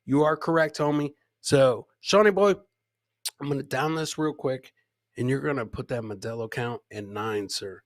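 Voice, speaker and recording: Heard close on a boom-arm microphone and headset with no room sound, a middle-aged man chats with his livestream audience at a moderate pace. The podcast host and comedian has a medium-pitched voice and tends to repeat phrases and swear casually as he banters.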